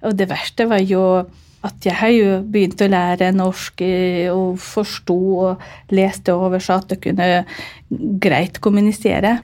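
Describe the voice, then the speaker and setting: A middle-aged woman with a Ukrainian accent, a guest telling lively stories and acting out quotes with big jumps in pitch. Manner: animated, acts out quotes with big pitch leaps. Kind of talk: storytelling in an interview.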